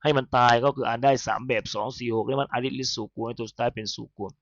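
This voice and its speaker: A man teaching Quran recitation. He spells verses letter by letter in a chanted tone, then explains how each sound is made, slowly and politely. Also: medium pitch, steady tone, fairly bright tone, dry recording, lo-fi sound.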